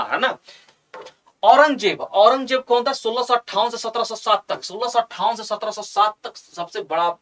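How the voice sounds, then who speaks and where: A man's voice: sits high, bright, forceful tone. A man teaching an online exam-prep history lesson, quizzing students and repeating each point.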